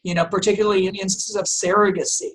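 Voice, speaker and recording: Halting, thoughtful man from Portugal. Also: high-pitched, little pitch movement, a bit bright. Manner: thoughtful, halting with many restarts and fillers. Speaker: family law attorney guest. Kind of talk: conversational podcast interview.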